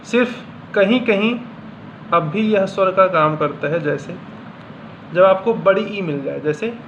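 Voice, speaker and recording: A man teaching pronunciation in Hindi, reading out example words one at a time in a slow, deliberate way. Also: high voice, a bit bright. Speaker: English teacher. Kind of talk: classroom lesson explaining pronunciation. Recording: dull lo-fi sound with faint room hum.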